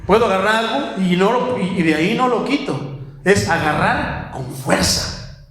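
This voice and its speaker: A man preaching a sermon as pastor, animated, firing rhetorical questions and calling listeners "my brother". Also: high-pitched, unhurried. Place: church hall. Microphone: handheld microphone. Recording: very echoey church hall.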